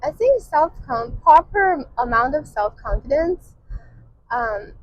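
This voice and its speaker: A woman vlogging from her car while driving, talking in a hesitant, reflective way with many filler pauses. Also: sits high, animated. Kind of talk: casual reflective monologue. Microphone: clip-on mic. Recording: dull lo-fi with faint car noise.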